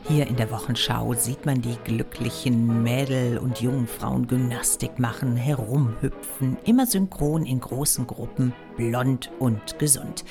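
A woman's voice: a bass voice, a little slow, hardly any pauses, over music. A woman explaining history as a podcast host, with wry, ironic emphasis.

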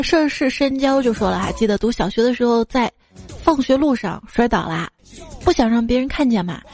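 Playful woman host over soft music. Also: on the high side. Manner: playful, laughing at her own material; acts out the quoted parents. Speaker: podcast host. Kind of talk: reading funny listener stories.

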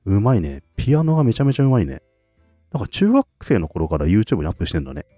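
A man's voice: fairly low pitch, sing-song, quick pace, dark tone, dry recording, faint music behind. A man co-hosting a casual podcast chat, talking enthusiastically and laughing often. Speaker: podcast co-host.

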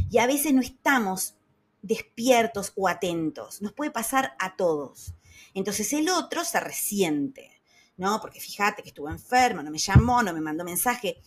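A woman with an Argentine Rioplatense accent giving a casual motivational talk to her audience, conversational and lively, often acting out the voices of people she quotes. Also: mid-range voice, unhurried, slightly rough.

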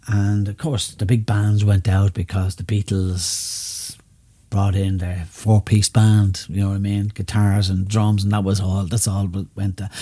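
A man's voice: fairly low pitch, mellow, slightly rough, dry recording. An older Irish man, a former entertainer, reminiscing in a rambling way full of "you know what I mean" asides. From Ireland. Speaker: retired entertainer and chauffeur, interviewee. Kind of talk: reminiscing anecdotes and jokes.

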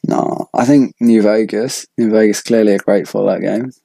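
A man's voice: fairly low pitch, steady tone, normal speed, vocal fry, dark tone, no room sound. A young man hosting a casual podcast, rambling with lots of filler words. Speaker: podcast host. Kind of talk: casual chat.

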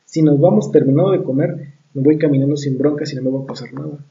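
A man's voice: a little high, quick pace, vocal fry, far from the mic, highs cut off. A young man with a Mexican accent telling a story in casual, profane chat. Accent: Mexican Spanish. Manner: slangy, profane, animated storyteller.

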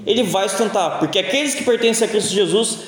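A young man preaches a sermon in a high, light voice, telling stories in a loose and joking way. The sound bounces around a big church hall with a long reverb tail. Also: quick pace. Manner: casual, joking storytelling in a sermon.

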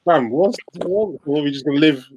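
A young man with an urban London roadman accent, hosting a casual podcast in an animated, slangy way. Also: a little high, brisk, a little hiss or hum. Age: young adult. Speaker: podcast host. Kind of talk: casual group banter and hosting. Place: indoors at home, on a laptop video call.

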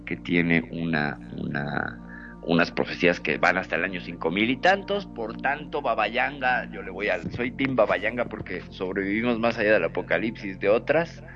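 A man with a northern Mexican accent co-hosts a casual radio chat in a fairly low voice. He jokes and repeats words for effect. The sound is dull and lo-fi, with faint music underneath. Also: normal speed. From Sonora, Mexico. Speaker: radio co-host. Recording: muffled lo-fi online radio with background music.

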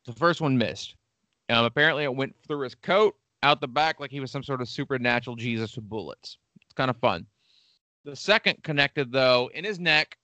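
A man's voice: mid-range voice, moderate pace, bright, forceful tone, no room sound. A man hosting a casual history podcast, telling the story with crude jokes and lots of swearing. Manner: crude, joking, swears often. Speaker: podcast host.

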